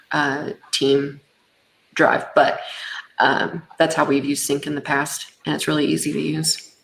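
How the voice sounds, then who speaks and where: A woman's voice: deep voice, fairly bright tone. A woman hosting a casual business webinar, talking conversationally with fillers like um and you know. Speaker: webinar host and business owner. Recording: echoey room sound.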